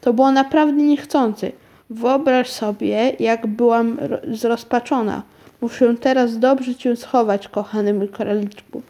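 A girl from a children's book, caught in a grown-up's body, pleading and desperate, as a woman reader voices her. The voice sits somewhat high and sounds anxious. It is plainly a storybook read aloud. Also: fairly even intonation, a little slow, mellow. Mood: whispering. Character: anxious young woman, secretly a little girl. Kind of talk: storybook reading.

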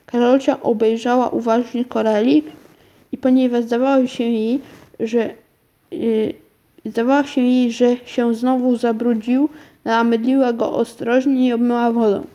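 Woman calmly reading a children's story. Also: a little high, unhurried, highs cut off. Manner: calm, even narration with small slips. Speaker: narrator.

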